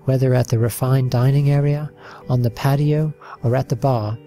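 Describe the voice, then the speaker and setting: A man reads a slideshow narration at a middle pitch. His tone is warm and mellow, and his delivery is an even, listing read with the occasional slip. Soft background music plays underneath. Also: normal speed.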